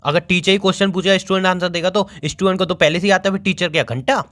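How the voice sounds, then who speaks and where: Young man in his twenties, rapid speech, whiny joking tone, casual phone banter. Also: high-pitched, fairly even intonation, a bit bright. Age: 20s. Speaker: boyfriend on a phone call.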